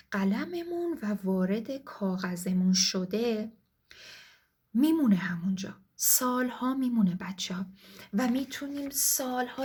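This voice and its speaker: A woman teaching English vocabulary in a casual video lesson, encouraging and chatty, often addressing viewers warmly as her students. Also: medium pitch, slightly rough. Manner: encouraging, addresses viewers as kids and dear ones.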